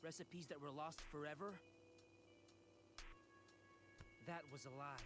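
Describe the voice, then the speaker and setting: A man's voice: fairly high pitch, fairly even intonation, fairly quick, close to an everyday voice. A man playing an earnest, polite young amateur investigator in a video game. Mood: firm. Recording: game audio with music underneath.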